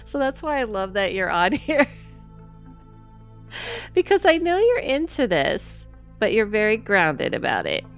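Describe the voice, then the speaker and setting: A woman's voice: mid-range voice, wildly swooping pitch, unhurried, pauses often, faint music behind. A woman hosting a podcast, chatting casually with a guest, affirming often and laughing easily. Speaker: podcast host. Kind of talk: casual interview chat.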